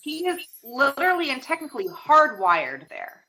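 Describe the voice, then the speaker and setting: A woman's voice: high-pitched, sing-song, moderate pace, sharp tone, low-quality recording. A woman chatting casually as a panelist on a video call from home. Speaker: podcast panelist. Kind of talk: casual chat.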